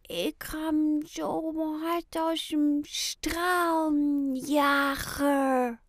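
A bubbly young boy who is always eager to run, voiced by a woman reader talks in a high, bright voice that bounces with excitement. This storybook character is recorded dry and close. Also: extremely slow, dry recording. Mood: sleepy mumble. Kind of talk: children's audiobook character voice.

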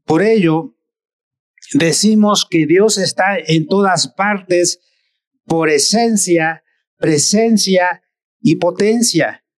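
Un predicador con acento mexicano que da un sermón de forma lenta, deliberada y enfática. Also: male voice, high-pitched, dry recording, clean studio sound. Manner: slow, deliberate, emphatic preaching. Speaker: preacher. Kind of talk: sermon.

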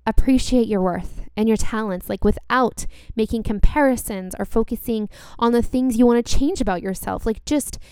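A woman delivers motivational self-help talk in a clear voice with noticeable vocal fry. She speaks directly and earnestly to the listener, leaning on repeated phrases for emphasis, and the recording is close and dry. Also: on the high side, normal speed, hardly any pauses, darkish tone, no echo. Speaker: podcast host.

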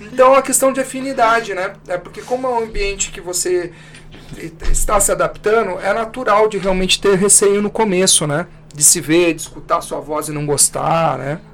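A man on a podcast giving relaxed, frank advice in casual chat, with offhand swearing. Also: high voice, a little fast. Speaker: podcast co-host.

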